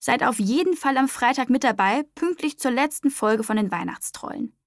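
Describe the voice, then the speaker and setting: Chatty podcast host, woman, a bit high-pitched, dry recording. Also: lively intonation, moderate pace, no room sound. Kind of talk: friendly outro announcement.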